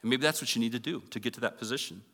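A male pastor speaks earnestly to his congregation, moving between plain conversational talk and fervent prayer. His middle-pitched voice has a bright, forceful edge, and it carries through a church sanctuary with a long reverb. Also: rapid-fire. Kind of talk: sermon and closing prayer.

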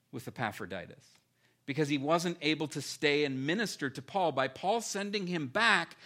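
A pastor with a fairly high-pitched voice preaches a sermon, his animated emphasis repeatedly falling away into quiet, earnest passages.

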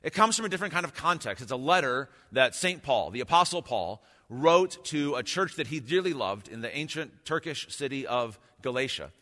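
A man's voice: medium pitch, animated, normal speed, few pauses, sharp tone. A man preaching a sermon as pastor into a pulpit microphone, talking in a conversational, reflective way. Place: church sanctuary. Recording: long church hall reverb.

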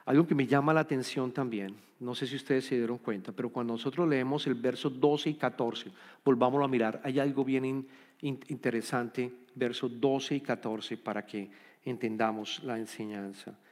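A man's voice: medium pitch, fairly even intonation, normal speed, a little mellow. A man preaching an earnest Bible-study sermon, repeating key phrases and restarting words as he explains. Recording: long hall reverb.

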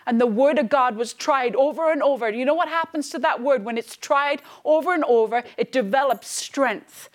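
A woman's voice: high voice, normal speed, few pauses. A woman in her thirties, a pastor preaching a fervent, emphatic sermon and repeating phrases for stress. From Wales.

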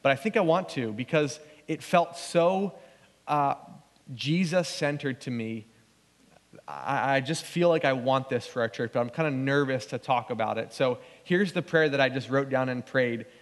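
A man's voice: medium pitch, normal speed. A man preaching a sermon as pastor, earnest and conversational, often restarting his phrases. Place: church sanctuary. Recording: long church hall reverb.

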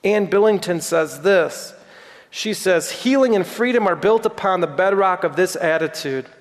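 High-voiced pastor preaching in a reverberant hall. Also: male voice, expressive, normal speed. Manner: earnest preaching, repeats phrases for emphasis. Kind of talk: sermon.

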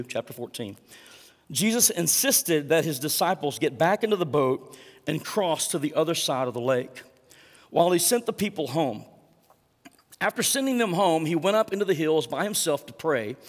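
A man's voice: on the high side, expressive, fairly quick, in a large hall. A male pastor preaching a sermon, reading scripture aloud with dramatic emphasis and asking the congregation for responses.

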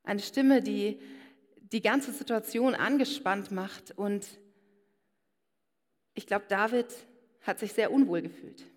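A woman's voice: medium pitch, slow pace, long pauses. A woman giving a personal sermon and speaking straight to her listeners. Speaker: preacher. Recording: long hall reverb.

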